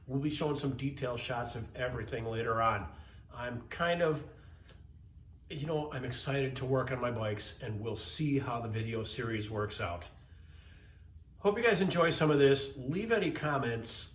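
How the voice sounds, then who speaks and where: Rambling fifties man in an echoey room. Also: medium pitch. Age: 50s. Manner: rambling, self-correcting, enthusiastic. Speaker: channel host. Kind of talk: casual talk to camera. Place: indoor workspace with a bike. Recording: roomy echo, faint background hiss.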